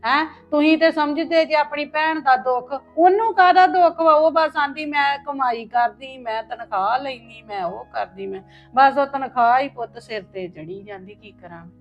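A woman's voice: high voice, normal speed, hardly any pauses, lo-fi sound, soft background music. A woman playing a scheming mother who complains to her son about his wife. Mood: complaining. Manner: complaining, wheedling. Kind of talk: Punjabi family web drama.

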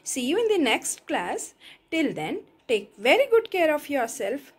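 A woman's voice: high voice, very animated, measured pace. A woman teacher reading a story aloud to her class and explaining the meanings of words. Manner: clear, explaining word meanings.

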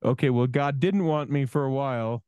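A man in his forties talks things through on a podcast, pausing and restarting as he reflects. He sits at a studio mic, and the sound is dry and close with no room around it. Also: mid-range voice, darkish tone, clear, resonant tone, dry recording, dull audio. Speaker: podcast co-host. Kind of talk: casual conversational chat. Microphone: studio microphone with headphones.

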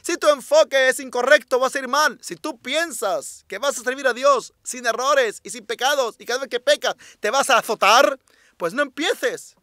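A rabbi teaches a religious class in a high, bright voice. He is emphatic, drives his points home by repeating them, and poses rhetorical questions to his listeners. The sound is dry and close, with no room echo. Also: moderate pace.

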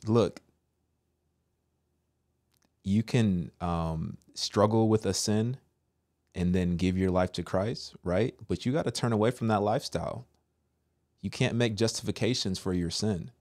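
A man's voice: on the low side, measured pace, pauses often, darkish tone. A man in his thirties giving preachy reaction commentary into a close microphone, with rhetorical questions. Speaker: reaction video host. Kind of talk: commentary on a played video. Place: small indoor room. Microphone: close desk microphone with headphones.

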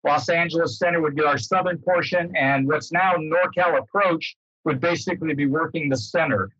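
A former air traffic controller, an older American man, speaks as a guest on a video call, giving an informal explanation and rephrasing along the way. His voice is fairly high, a bit bright and slightly rough, at a moderate pace. Recorded by a computer mic in a book-lined home room, the audio comes across dull, roomy and lo-fi.

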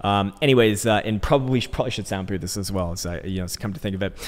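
Speaking very fast in a lowish voice, a man riffs on the crypto market with jokey, vulgar slang for his trading channel. The recording comes from a bare, echoey indoor room like a warehouse.

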